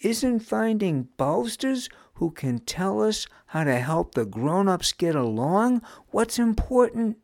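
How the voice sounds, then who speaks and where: An earnest young girl from a children's storybook, put on by a man reading aloud. Her voice sits high and bright, and it rises steadily into loud, heartfelt conviction. She speaks slowly, in a dry, close recording. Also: sing-song, no room sound, full character voice. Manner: pleading, then firm and heartfelt.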